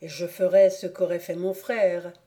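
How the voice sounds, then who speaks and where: A woman reading the part of an earnest young nobleman pleading with his father in an audiobook, softly and imploringly. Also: fairly low pitch, little pitch movement, moderate pace, lightly acted.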